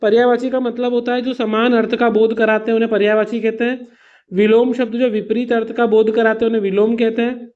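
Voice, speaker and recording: A man's voice: very high-pitched, level tone, fast talker, narrow, tinny audio. A man teaching an exam revision lesson to students. He explains patiently with simple examples, calls his students "beta" and slips English words into his explanations.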